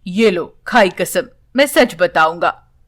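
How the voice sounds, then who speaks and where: A woman voicing a calm, kindly elderly grandfather in a storybook tale, speaking low and softly. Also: takes it slowly. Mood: solemn.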